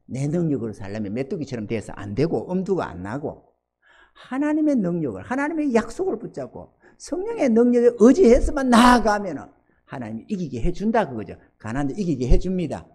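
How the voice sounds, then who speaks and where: A man's voice: high-pitched, very animated, fairly quick, a little mellow. A male pastor preaching a sermon, telling a story and acting out the prayers he quotes, and calling on the congregation for amens.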